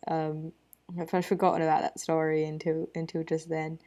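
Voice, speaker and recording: A young woman speaks into a computer webcam in a low voice. Her pitch barely moves. She tells her story haltingly, with many fillers, false starts and small nervous laughs. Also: monotone. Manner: soft nervous laughs between phrases. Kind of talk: personal storytelling to camera.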